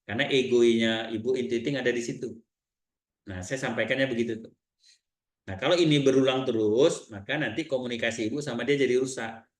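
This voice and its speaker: A man with an Indonesian accent giving a seminar talk, telling client stories in lively quoted dialogue. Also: medium pitch, fairly quick, roomy sound. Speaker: seminar trainer.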